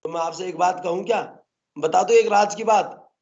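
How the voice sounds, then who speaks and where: A man's voice: sits high, normal speed, vocal fry, darkish tone, muffled recording. A male botany teacher lecturing a class, constantly coaxing the students to answer his questions.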